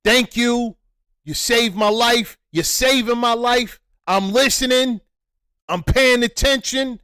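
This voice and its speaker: A man with a high-pitched, pushed and bright voice gives reaction commentary at a slow, deliberate pace, lecturing in a preachy way and repeating his points for emphasis. The tone is clean, and the sound is dry and close with no room sound.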